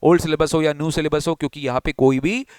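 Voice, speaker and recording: A man's voice: fairly high pitch, steady tone, fast, darkish tone, clean tone, no echo. A man giving a coaching lecture, emphatic and mixing in English, asking himself rhetorical questions. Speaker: tax teacher.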